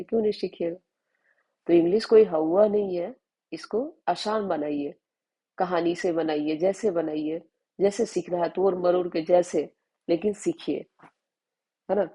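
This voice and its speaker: A woman with an Indian accent, teaching spoken English in Hindi, reading example sentences slowly and often checking in with her students. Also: on the low side, mellow, slightly rough, poor audio. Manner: explains slowly, often asks "है ना?".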